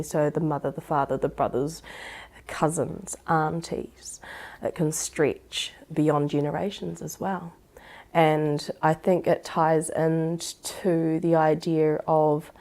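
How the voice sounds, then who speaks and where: Her voice sits low, gravelly and a little mellow as she hesitantly, carefully describes her work in a thoughtful interview. She specializes in supporting sexual violence survivors, and she was born in Singapore and lives in Auckland, New Zealand.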